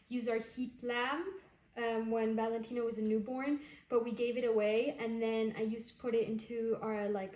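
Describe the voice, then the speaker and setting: A young woman with a voice on the high side walks casually through a baking recipe in her home kitchen, step by step. She explains things in a chatty, relaxed way, and the audio is reverberant.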